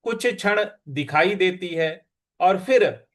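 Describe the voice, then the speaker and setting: A man leads a slow recitation lesson, breaking each word into syllables and marking where the stress falls. His voice sits fairly high for a man. He chants the lines unhurriedly between plain explanations. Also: animated. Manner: spells out syllables and stresses patiently, chants verses. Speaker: Sanskrit scripture teacher.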